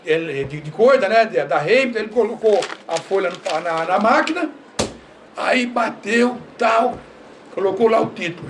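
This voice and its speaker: An older man, a former postal worker, telling lively stories at a seminar, acting out dialogue and often laughing. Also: sits high. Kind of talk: storytelling talk at a seminar. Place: university seminar room. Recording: distant mic, faint room noise.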